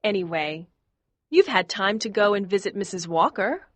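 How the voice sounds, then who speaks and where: A woman voicing a lively teasing young lady. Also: mid-range voice, normal speed, no room sound, natural voice. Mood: chatty. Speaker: Daisy Miller. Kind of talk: audiobook dialogue acting.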